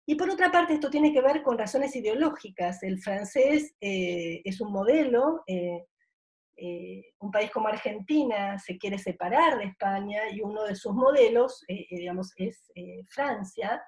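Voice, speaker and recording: A middle-aged woman lecturing at an academic conference, her voice sitting at an ordinary middle pitch. She talks thoughtfully and reflectively, stopping often on long fillers while she finds the next phrase. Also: expressive, measured pace, darkish tone. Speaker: university professor.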